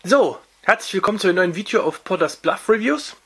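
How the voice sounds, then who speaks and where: A man's voice: sits high, lively intonation, brisk, a bit bright, breathy edge. A young man hosting a casual record review, talking off camera with many fillers and restarts. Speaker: vinyl review channel host.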